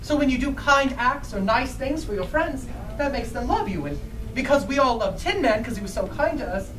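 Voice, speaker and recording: Woman playing a high, animated Scarecrow storyteller. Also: fairly quick. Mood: earnest, reassuring. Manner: animated, asks the listeners questions. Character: friendly, excitable Scarecrow storyteller from Oz. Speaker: costumed storyteller. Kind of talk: live interactive storytelling for children. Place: bookstore live event. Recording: distant mic, music behind.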